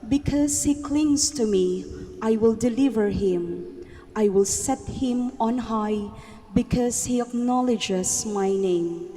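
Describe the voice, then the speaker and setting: A woman reading scripture and psalm verses slowly and carefully at Mass, heard with a long cathedral echo. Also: on the high side, mellow, slight background noise. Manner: slow, careful reading pace. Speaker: lector. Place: large church. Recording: long church reverb with faint music.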